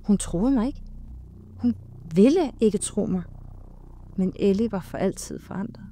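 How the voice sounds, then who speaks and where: A woman giving a slow, hushed and dramatic scripted horror narration, with sudden loud cries. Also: medium pitch, lively intonation.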